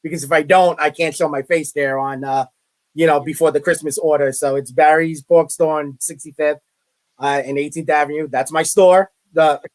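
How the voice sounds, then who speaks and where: A middle-aged man from Brooklyn, New York, with a Brooklyn accent and a somewhat high voice, chats casually as an interview guest; he's a college media relations director. His tone is steady and his pace moderate, and he often repeats words and makes self-deprecating asides. The audio quality is poor.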